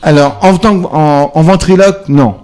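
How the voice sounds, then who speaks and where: A man's voice: fairly high pitch, normal speed, a little mellow. A man guesting on a radio show as a ventriloquist, chatty and joking as he talks. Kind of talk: radio interview.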